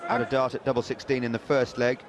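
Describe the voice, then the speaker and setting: A man's voice: medium pitch, little pitch movement, fast. A man giving live darts commentary and putting questions to his co-commentator. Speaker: sports commentator. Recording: crowd and clear background noise.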